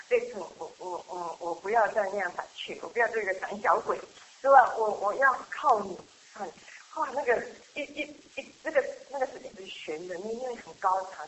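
A middle-aged woman sharing a personal church testimony in a chatty, halting way, with frequent laughs and restarts. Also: mid-range voice, a little hiss or hum, rough recording. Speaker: church member giving a testimony. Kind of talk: casual spoken testimony.

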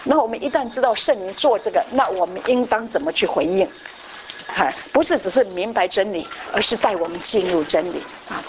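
A woman pastor giving a conversational Bible class. She repeats her phrases and often fills her pauses with a short affirming word. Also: mid-range voice, animated, a little hiss or hum, low-quality recording.

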